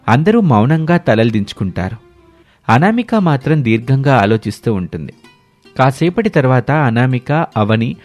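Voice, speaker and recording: A man narrating a scripted animated family story in a steady storytelling manner. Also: medium pitch.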